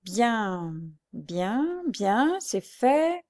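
A woman's voice: on the high side, very animated, a little mellow, exaggerated voice. A woman reading aloud and voicing a sly male police agent who teases and drags things out. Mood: teasing. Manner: teasing, unhurried, mocking.

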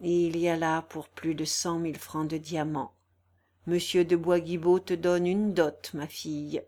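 A woman voicing a gentle, melancholy older male aristocrat who speaks low and softly in a storybook reading. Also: animated, a little slow, natural voice.

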